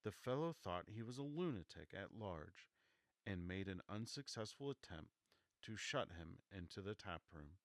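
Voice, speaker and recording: A man reads a classic novel in a soft, low voice. The sound is dry and close, with the measured delivery of scripted narration. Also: animated, dry recording. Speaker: audiobook narrator.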